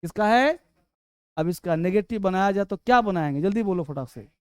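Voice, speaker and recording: A man teaching English grammar, quizzing students and urging them to answer fast. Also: high voice, expressive, smooth, no echo. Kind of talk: classroom lesson.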